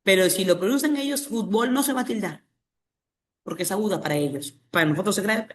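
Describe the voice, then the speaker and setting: A woman's voice: medium pitch, sing-song, fast. A woman with a Peruvian Spanish accent teaching an exam-prep language class. She puts questions to the class, answers them herself and often adds a tag question. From Peru.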